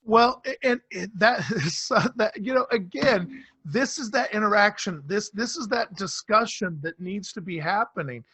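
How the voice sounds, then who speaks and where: A man hosting a casual online panel discussion, animated and quick to laugh, acting out quotes in playful voices. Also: sits high, husky, no echo. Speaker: panel host.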